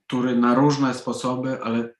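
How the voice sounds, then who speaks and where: In an echoey room, a Polish man answers panel interview questions as an author, speaking his native Polish. His delivery is medium in pitch, flat and deliberate, with pauses breaking up his sentences.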